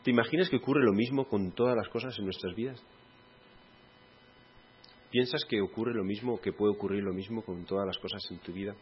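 Husky-voiced male preacher, chatty informal sermon, muffled lo-fi sound. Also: fairly low pitch, brisk, pauses often. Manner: conversational, acts out quoted dialogue.

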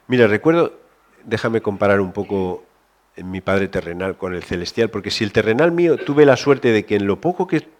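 Conversational preacher, soft then rising. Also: male voice, fairly low pitch, lively intonation, normal speed. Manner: conversational, many restarts, shifts between soft and raised. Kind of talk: sermon.

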